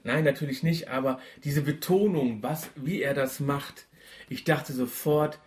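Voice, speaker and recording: A man's voice: mid-range voice, measured pace, a little mellow. A man co-hosting a casual podcast chat, talking with frequent fillers and restarts. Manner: chatty, hesitant with fillers and restarts. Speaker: podcast co-host. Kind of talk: casual chat reviewing a radio play.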